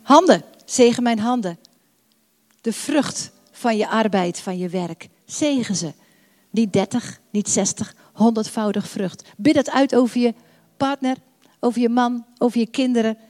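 An older woman delivers a sermon in a slightly high voice. She speaks warmly and emphatically, repeating key phrases and slowing into drawn-out prayer lines. Her voice carries a long reverb, as if recorded in a church hall. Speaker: preacher.

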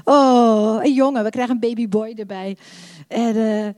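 An older woman preaching a sermon, warm and emphatic, repeating phrases and drawing out her prayers. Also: a little high, fairly even intonation, normal speed. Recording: long hall reverb.

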